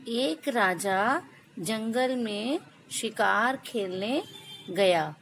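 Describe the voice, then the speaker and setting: A woman teaching young children, reading a story aloud slowly and then retelling it and asking simple questions. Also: medium pitch, fairly bright tone, slight background noise, poor audio.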